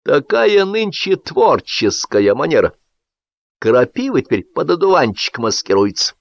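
Brief: a domineering male editor who talks down to his staff, raised and lively, read by a man, dull lo-fi audiobook. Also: on the low side, normal speed, no echo. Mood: lecturing. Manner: authoritative, condescending. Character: stern domineering male newspaper boss.

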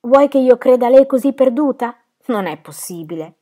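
A woman's voice: high voice, animated, normal speed, dark tone. A woman reading aloud a letter from a worried young woman, in an earnest and anxious tone.

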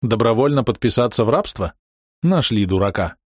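A man narrating an audiobook in the first person with an expressive, storytelling delivery. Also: medium pitch, moderate pace, slightly rough, dry recording, studio quality.

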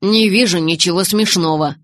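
A woman's voice: lowish voice, normal speed, no echo, clean studio sound, lightly acted. Woman voicing a sarcastic hot-tempered young man. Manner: loud, biting, sarcastic. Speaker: audiobook reader. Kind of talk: audiobook character reading.

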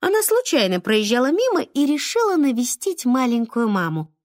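A woman reading a children's story aloud, expressive and sometimes slow and drawn out. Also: sits high, no echo, clean studio sound. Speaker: reader.

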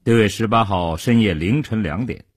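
A man's voice: on the low side, moderate pace, slightly rough. A man narrating a true-crime serial for radio, dramatic and acting out the characters' lines. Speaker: radio storyteller. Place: radio studio.

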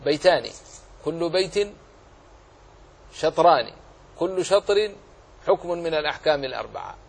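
This man's fairly high, expressive voice is creaky and a bit rough as he teaches Quran recitation rules in a religious class. He halts often, stretches his pauses, repeats himself and sounds out letters one at a time.

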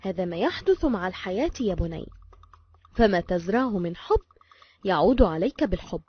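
A woman voicing a gentle, patient father who calmly explains a life lesson to his son in a told story. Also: mid-range voice, fairly quick, husky, pitched below the performer's own voice. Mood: teaching. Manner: calm, explaining. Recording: lo-fi with faint music.

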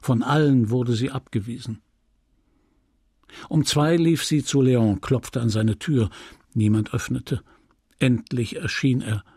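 A man reading a classic novel aloud as an audiobook narrator, measured and expressive, in a studio. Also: mid-range voice, breathy edge, no echo.

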